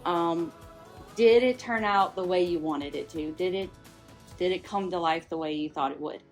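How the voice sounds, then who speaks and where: A woman's voice: lowish voice, moderate pace, soft background music. A woman presenting and asking questions in a casual on-camera interview.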